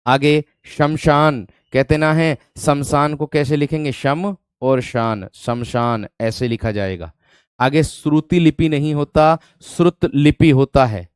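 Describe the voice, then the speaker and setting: Guy teaching a spelling class online, keeps repeating words and asking questions, smooth clear voice, dry close sound. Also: on the high side, a little slow, no echo. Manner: repeats words, asks rhetorical questions, calls listeners "my friend".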